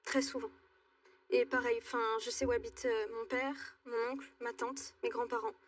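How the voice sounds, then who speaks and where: Hesitant young woman from Alsace, high voice. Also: level tone, far from the mic. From Alsace, France. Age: 20s. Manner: hesitant, halting with many fillers. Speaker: guest. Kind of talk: talk show testimony. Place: TV studio.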